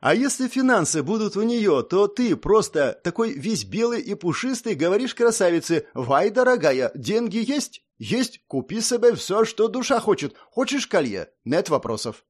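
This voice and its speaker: A cheeky young highlander, put on by a man reading a storybook aloud, speaks in a high, bouncing voice. He teases and lectures with drawn-out exclamations and swaggering confidence. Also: very animated, husky, heavily acted. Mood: scheming.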